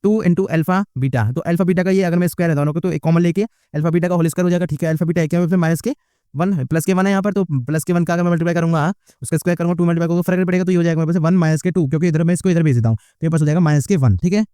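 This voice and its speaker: A man's voice: a little high, steady tone, rapid-fire, warm tone, clean tone, no room sound, studio quality. A man tutoring a maths problem, chatty, often adding "ठीक है" and "भैया". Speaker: math tutor. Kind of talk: maths lesson walkthrough.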